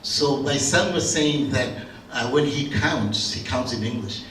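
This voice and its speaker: A man's voice: mid-range voice, unhurried, a bit bright, slight background noise. Older man, distant and roomy. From Bangladesh. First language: Bengali. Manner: conversational, anecdotal, with many restarts. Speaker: conference speaker. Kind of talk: academic conference talk. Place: conference room. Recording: roomy room, distant mic, faint ambience.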